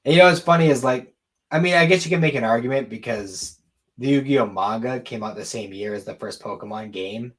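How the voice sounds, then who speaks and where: On a podcast about anime and games, a male co-host with a medium-pitched voice talks a little fast in a loose, conversational way.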